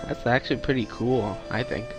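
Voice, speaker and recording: A man's voice: mid-range voice, steady tone, a little fast, loud music behind the voice. Laid-back, wry man commenting on a game. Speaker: let's play host. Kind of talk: casual gameplay commentary.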